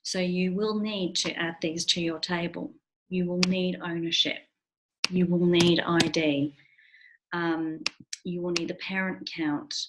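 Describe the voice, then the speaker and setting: A woman with a lowish voice talks viewers through a software screen-share tutorial step by step. She explains in a relaxed, conversational way, often pausing on ums as she goes. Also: background noise.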